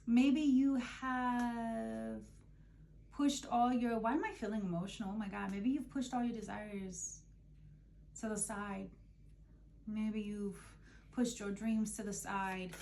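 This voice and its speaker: A woman's voice: a little high, a little hiss or hum. A woman giving a casual spiritual tarot reading, emotional and openly swearing, calling her listeners babe and boo. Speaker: tarot reader.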